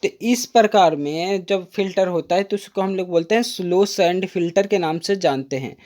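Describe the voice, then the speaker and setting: A woman tutoring diploma students for exams, explaining a diagram patiently and repeating key terms. She reads textbook definitions aloud slowly and calls the viewers "friend". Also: lowish voice, warm tone. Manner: patient, repetitive, addresses viewers as friend, mixes in English terms. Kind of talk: exam-prep lecture, explaining a diagram.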